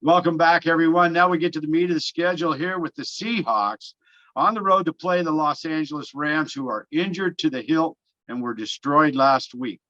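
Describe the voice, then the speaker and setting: A man's voice: on the high side, moderate pace, sharp tone. A man hosting a sports betting talk show in a conversational style, on dull, lo-fi audio.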